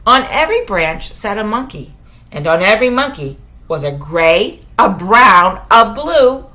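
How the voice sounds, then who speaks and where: A woman with a medium-pitched voice reads a bedtime story aloud to young children, with a slight hiss or hum in the recording. She tells it expressively, using dramatic pauses and asking her little listeners questions.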